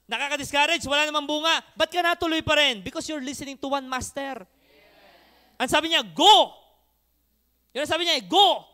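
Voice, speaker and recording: A pastor from the Philippines delivers an animated sermon and jokes with his congregation. His voice sits very high and sounds bright and crisp. He slips English phrases into his preaching.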